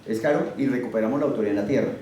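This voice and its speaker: A man's voice: mid-range voice, rapid-fire, dark tone. A man preaching a sermon emphatically, firing rhetorical questions at his listeners. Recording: very echoey, far from the mic, faint noise.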